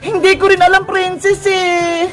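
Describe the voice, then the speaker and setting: A woman voicing an excitable young girl who talks dramatically. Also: extremely high pitch, takes it slowly. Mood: excited. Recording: background music.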